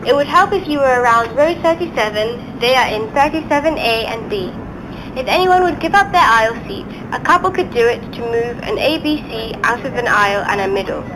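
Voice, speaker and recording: A woman's voice: a little high, lively intonation, fairly quick. A woman flight attendant making a polite, procedural plane cabin announcement. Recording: noisy aircraft cabin announcement. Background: aircraft cabin noise.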